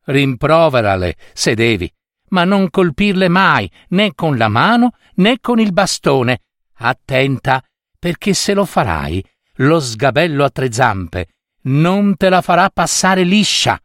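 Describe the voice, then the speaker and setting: A man's voice: fairly high pitch, very animated, slow pace, fairly bright tone, no room sound, studio quality, heavily acted. A man voicing a tiny magical woman, kindly but stern, calling out breathlessly. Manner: breathless, pleading calls.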